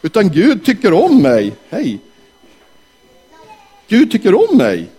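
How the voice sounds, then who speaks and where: A man telling a Bible story to children in character, animated and asking them questions. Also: sits high, slightly rough. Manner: animated, asks the audience questions. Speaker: children's talk leader.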